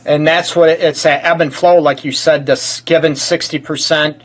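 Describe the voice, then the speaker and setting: A middle-aged man hosts a relationship talk show with a joking, teasing manner. His voice sits a little high for a man. He talks from his office and keeps the chat light. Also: fairly even intonation, normal speed. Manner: joking, teasing, self-described smart aleck. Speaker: relationship counselor and show host. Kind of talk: casual talk show interview.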